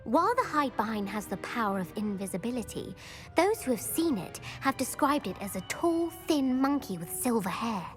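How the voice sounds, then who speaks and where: Acting a video game character, a woman plays a keen, studious schoolgirl running a quiz, with exact wording and an enthusiastic, teaching mood. Her slightly high voice swings widely in pitch at normal speed, and faint music plays behind her.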